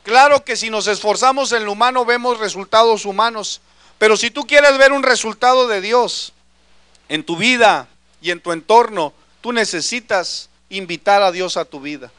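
High, bright-voiced male preacher. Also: moderate pace, clear, resonant tone, no room sound. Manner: earnest, addresses listeners as brother. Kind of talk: sermon.

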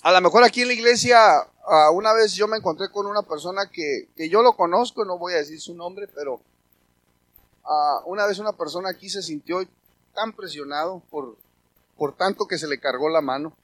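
A male pastor, preaching a sermon with sudden loud emphatic bursts. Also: sits high, moderate pace, no echo, rough recording.

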